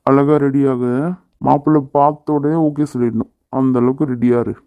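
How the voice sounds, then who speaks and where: A man's voice: mid-range voice, steady tone, normal speed, smooth, no echo, close to an everyday voice. A man voicing a brash young husband who is blunt and teasing but protective of his wife, in a cartoon. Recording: dry, phone-like narrow sound.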